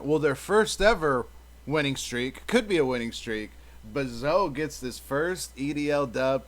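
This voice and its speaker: A man's voice: medium pitch, fairly bright tone. A young man hosting a casual fantasy football chat, easygoing as he moves from segment to segment. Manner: easygoing, leads segments with set prompts. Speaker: fantasy football show host.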